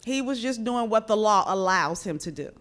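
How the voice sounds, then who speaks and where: A woman judge speaks plainly and directly to a community gathering, walking people through fines and court rules. Her voice sits at an ordinary middle pitch, and she talks with easy authority. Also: expressive, moderate pace, a bit bright. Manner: plainspoken, direct, addresses the audience. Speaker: judge and former public defender. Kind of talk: explaining law to a community audience. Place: community meeting room.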